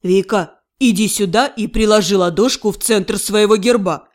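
A calm, gentle young man, the heroine's fiancé, speaking in a lowered voice, as a woman reader plays him. His tone is even and friendly. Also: normal speed, natural voice.

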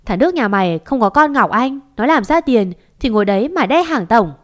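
Shrill bossy old mother-in-law, scolding, voiced by a woman narrator. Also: expressive, fairly quick, close to an everyday voice. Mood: furious. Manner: scolding, shrieking.

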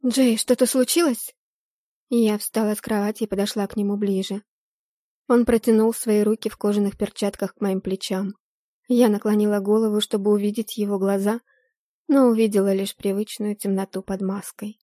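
A woman tells a first-person fantasy tale in an expressive, steady storytelling voice. Her pitch sits in the middle range. The recording is dry and close, with no room sound. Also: brisk, no echo. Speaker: audiobook narrator.

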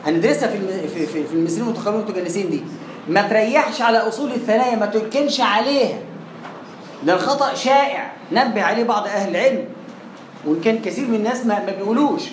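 A man with an Egyptian Arabic accent runs a Quran recitation class at very high speed in a high-pitched voice. He drills pronunciation and answers his own questions, in an echoey room with faint noise behind him.

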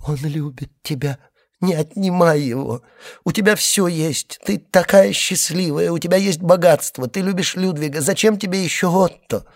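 A man's voice: mid-range voice, a little slow, long pauses, breathy edge. A man voicing a tearful, desperate young wife who has been abandoned, pleading between sobs. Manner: sobbing, pleading, breathless outbursts.

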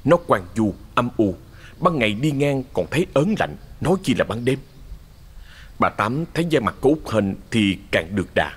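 Husky storyteller man. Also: medium pitch, normal speed. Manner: expressive storyteller. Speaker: narrator. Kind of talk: ghost story narration.

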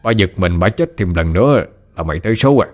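A man voicing a stern, low-voiced old uncle. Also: animated, fast, faint music behind. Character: older man, stern uncle giving a warning.

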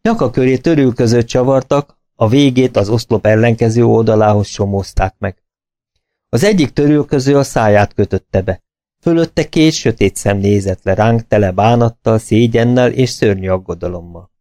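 A man reads an audiobook in a steady, measured voice of middle pitch. The recording is dry and close, with no room sound. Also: dry recording. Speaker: audiobook narrator. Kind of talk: audiobook narration.

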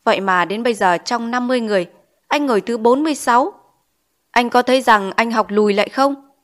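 A woman's voice: fairly high pitch, brisk, natural voice. A woman voicing a stern male village schoolteacher in an audiobook, scolding with pointed questions. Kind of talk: audiobook character reading.

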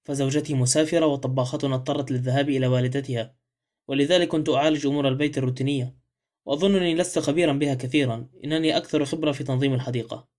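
A man's voice: mid-range voice, fairly even intonation, rapid-fire, darkish tone, natural voice. A man voicing a polite, chatty middle-aged retired major on the phone, in a read-aloud novel. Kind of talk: audiobook character reading.

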